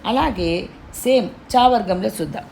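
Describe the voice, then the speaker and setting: A woman teaching pronunciation, drawing out syllables slowly to demonstrate them. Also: mid-range voice, creaky, darkish tone, slight background noise. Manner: slow demonstrative enunciation of syllables. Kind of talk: pronunciation lesson.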